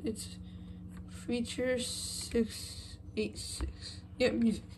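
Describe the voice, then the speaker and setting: A woman's slightly high voice stays level, drawing out her words, over some background noise. She hosts a video showing a phone system project, chatting informally and unscripted as she handles gear in a small wooden-floored room, captured by a handheld phone camera on the move.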